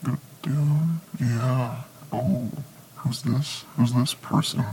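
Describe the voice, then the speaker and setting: A man co-hosting a casual comedy podcast, talking slowly in a gravelly, fry-laden voice. He rambles through crude improvised jokes full of fillers. A faint noise sits behind him. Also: mid-range voice, a little mellow, poor audio. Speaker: podcast co-host.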